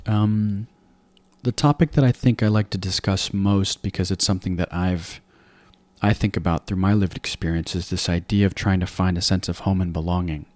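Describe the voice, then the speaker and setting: A man in his forties from Afghanistan, a podcast guest giving measured, reflective interview answers into a close mic. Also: low-pitched, fairly even intonation, a little mellow, no echo.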